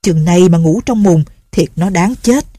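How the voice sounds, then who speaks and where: A woman's voice: fairly low pitch, normal speed, dry recording, clean studio sound, close to an everyday voice. A woman voicing an angry old male village official who scolds his household. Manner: shouting and scolding.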